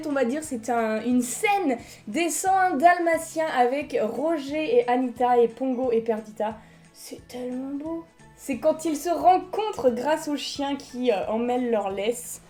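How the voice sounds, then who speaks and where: A woman's voice: high-pitched, darkish tone. A young French woman chatting enthusiastically as she unboxes collectible figurines in a casual vlog. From France.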